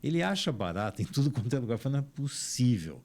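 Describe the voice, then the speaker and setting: A man's voice: mid-range voice, very animated, fast, darkish tone. A man with a Brazilian Portuguese accent, a physician guest on a podcast, explaining ideas with everyday examples. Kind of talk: podcast conversation.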